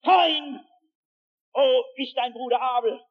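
A man voicing God as a stern, booming voice, calling out slowly and loudly, on a dull lo-fi recording. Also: full character voice. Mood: commanding.

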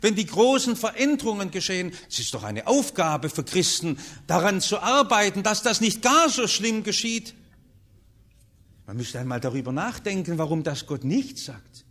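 A man's voice: big pitch swings, moderate pace. A man preaching a sermon, earnest, his voice rising and falling strongly as he speaks. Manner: earnest, with strong rises and falls in pitch and loudness.

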